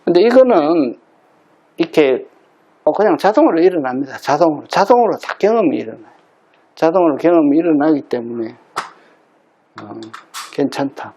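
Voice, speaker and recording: A man's voice: on the high side, big pitch swings, moderate pace, long pauses, warm tone, husky, dull audio. A middle-aged man teaching meditation in a Buddhist dharma talk, explaining patiently and repeating key terms for emphasis.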